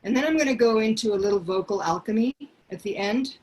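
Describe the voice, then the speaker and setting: An older woman from Peru, a singer, talking earnestly and reflectively from her living room on a video call, pausing often. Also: a little high, a little mellow, rough recording. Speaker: singer sharing a song. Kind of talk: casual video call chat. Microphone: headset mic on video call.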